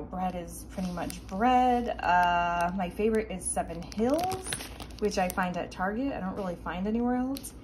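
A young woman chatting casually as she shows her groceries to a phone camera, rambling with lots of fillers and asides. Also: medium pitch. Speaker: vegan grocery haul vlogger. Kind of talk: casual chat. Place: indoors at home. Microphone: handheld phone filming products. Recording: noticeable background noise.

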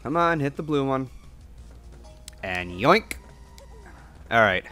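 A man doing casual gameplay commentary as a streamer, excitable and foul-mouthed. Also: medium pitch, slow. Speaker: game streamer. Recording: game music behind. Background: video game music.

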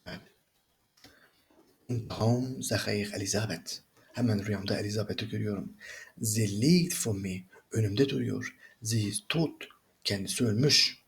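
Man reading German slowly, translating briskly. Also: on the low side, creaky, slight background noise. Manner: reads German slowly, then translates in quick conversational asides. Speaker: German teacher. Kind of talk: reading a German reader aloud and translating line by line.

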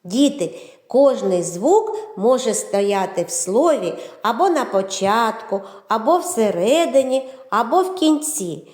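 A woman narrating a children's phonics lesson, with a slow, clear, drawn-out teacher's delivery. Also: on the high side, expressive, darkish tone. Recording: roomy echo.

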